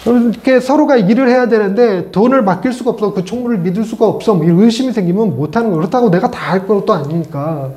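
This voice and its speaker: A middle-aged male pastor preaching a sermon, chatty and animated, with playful asides to his congregation. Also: high voice, fast talker, hardly any pauses. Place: church sanctuary. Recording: echoey church hall.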